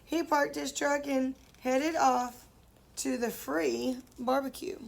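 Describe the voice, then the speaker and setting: A woman's voice: high-pitched, fairly even intonation, takes it slowly, vocal fry. A woman teacher reading a picture book aloud to children, stopping to ask them questions and playfully singing the animal noises.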